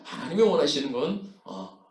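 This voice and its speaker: A man's voice: fairly high pitch, sing-song, moderate pace, a little mellow, reverberant, far from the mic. A man preaching a sermon as pastor, in a conversational way with frequent fillers and rhetorical questions. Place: church sanctuary.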